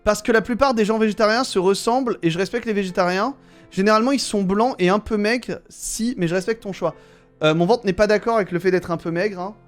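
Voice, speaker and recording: A man's voice: high voice, brisk, faint music behind. A man streaming live, reading viewer messages aloud and commenting on them with wry jokes.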